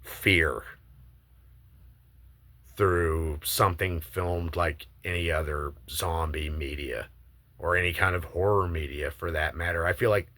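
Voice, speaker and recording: With a very low, forceful voice, a man eagerly pitches a movie idea in a casual, emphatic monologue, like a video host airing strong opinions and swearing freely. His tone stays steady and his pace measured, recorded close and dry with no room sound.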